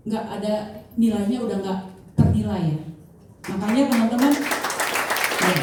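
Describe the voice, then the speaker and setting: A woman's voice: mid-range voice, darkish tone, slight background noise. A woman around fifty giving a chatty motivational talk to an audience as an insurance agent, often asking the crowd questions and using fillers. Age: 50s. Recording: distant mic, heavy room echo.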